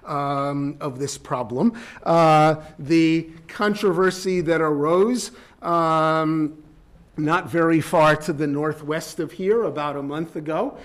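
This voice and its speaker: A man giving an academic law lecture in a measured, deliberate way, with frequent ums and uhs. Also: on the high side. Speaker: law professor. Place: lecture hall.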